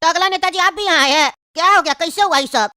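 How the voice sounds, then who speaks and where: A nosy, gossiping male neighbour, voiced by a woman in a cartoon comedy, high-pitched and over-sympathetic. A clear hiss sits under the voice. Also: fast talker, raised voice.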